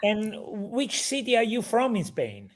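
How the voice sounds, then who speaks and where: A high-pitched man with an Italian accent hosts an interview in English. He is effusive and enthusiastic, often pausing on small fillers as he searches for words. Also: wildly swooping pitch. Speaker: host. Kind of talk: live interview.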